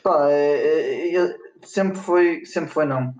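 Being interviewed, a young northern Portuguese rapper talks casually in a European Portuguese accent, throwing in slang and English words. His voice is on the high side with a darkish tone, and he speaks slowly. The sound is roomy, lo-fi, and a bit dull.

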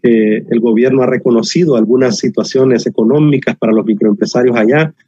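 A man's voice: mid-range voice, steady tone, a little fast, mellow, slightly rough, no echo, highs cut off. A man preaching a sermon as a pastor, emphatic and repetitive with touches of humor, heard over a video call.

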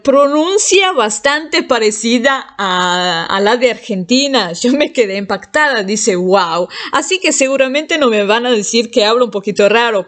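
Casual vlogger: woman, Italian native, slightly high voice, chatty with frequent laughs. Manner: chatty, laughs often between phrases. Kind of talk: casual monologue.

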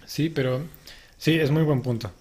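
Man, podcast co-host, earnest advice, step by step, mid-pitched voice. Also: moderate pace, a little mellow. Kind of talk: casual podcast chat.

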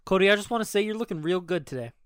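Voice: mid-range voice, lively intonation, racing, clear, resonant tone, dry recording, clean studio sound. Tipsy, rambling podcast co-host. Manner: rambling, giggly, playful. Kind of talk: casual chat while drinking.

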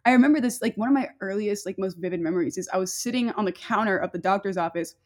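A woman's voice: medium pitch, fast. A young adult woman telling a personal story in casual chat, rambling with many fillers and breaking off into laughter.

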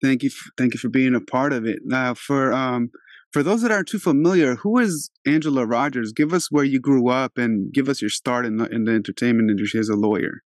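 A podcast host from Albania, a man in his thirties, runs a casual interview in a laid-back, chatty way. His medium-pitched voice is brisk, and the studio sound is clean with no echo.

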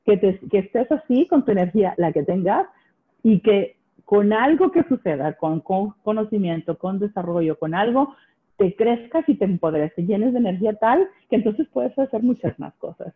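A middle-aged woman from Monterrey with a northern Mexican accent, telling animated stories in casual conversation and laughing often. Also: medium pitch, moderate pace. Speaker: guest. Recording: tinny phone-like line.

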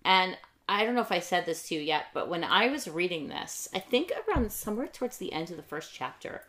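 Bright-voiced chatty woman. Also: lowish voice, lively intonation. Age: 30s. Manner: chatty, enthusiastic, quick asides. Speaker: podcast co-host. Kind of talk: casual chat about books.

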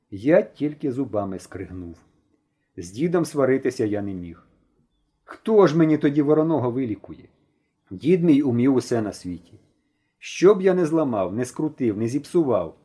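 A man with a Ukrainian accent narrating a children's audiobook in the first person, with an expressive, animated delivery. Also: on the high side, slightly rough.

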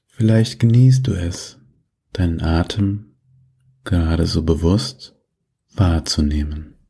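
Very slow, deep-voiced man guiding sleep meditation. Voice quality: soft, breathy. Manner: soothing, gentle instructions with long pauses. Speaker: meditation guide.

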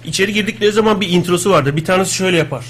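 A man co-hosting a live radio talk show, chatting and joking in quick banter. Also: high voice, fairly bright tone, husky. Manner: rapid, joking banter with impressions. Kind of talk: casual live radio chat.

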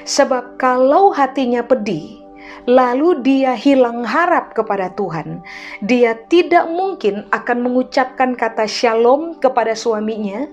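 A woman's voice: fairly high pitch, expressive, a little slow, highs cut off, soft background music. A woman pastor preaching a teaching sermon, counting off points and drawing the congregation into the lesson. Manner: teaching, enumerating points, asks the congregation to repeat.

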